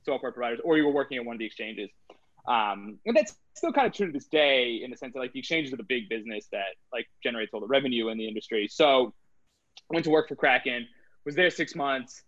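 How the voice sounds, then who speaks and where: A man's voice: mid-range voice, lively intonation, quick pace, fairly bright tone, no room sound. Rambling man with filler-heavy talk. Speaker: guest, crypto trader. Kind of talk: casual interview talk. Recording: dull, slightly lo-fi dry sound.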